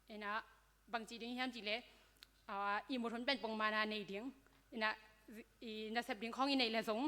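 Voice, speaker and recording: At a church youth gathering, a woman gives an informal health talk, chatting loosely and using lots of fillers. She sounds bright and forceful, her voice pitched a little high, and the large hall adds a long reverb.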